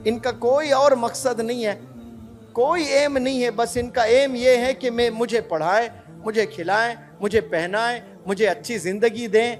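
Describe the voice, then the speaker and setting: A man's voice: extremely high pitch, fairly even intonation, faint music behind. A man speaking as a remorseful young daughter who confesses she has shamed her parents. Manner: self-reproaching, confessional.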